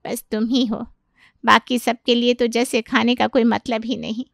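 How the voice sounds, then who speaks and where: A woman's voice: on the high side, level tone, normal speed, creaky, no room sound, studio quality. A woman voicing an exasperated middle-aged mother-in-law in a cartoon, complaining and scolding her family. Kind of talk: cartoon voice acting.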